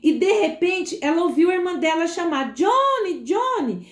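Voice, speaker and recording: A woman telling a dramatic story to children, animated, with sound effects and fillers. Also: extremely high pitch, a little fast. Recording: roomy echo.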